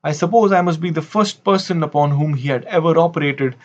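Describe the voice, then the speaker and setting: A man's voice: a little high, brisk, pitched above the performer's own voice, natural voice. A man putting on a mock-pompous period voice for a Victorian plant hunter reading from his memoir, on dull lo-fi audio. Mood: rueful.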